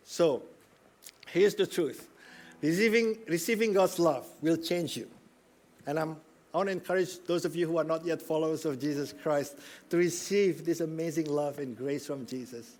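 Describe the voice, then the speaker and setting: A man preaching with a slightly raised pitch. He is earnest and emphatic. He keeps checking in with his listeners as he builds each point. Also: normal speed, a little mellow. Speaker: pastor. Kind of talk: sermon.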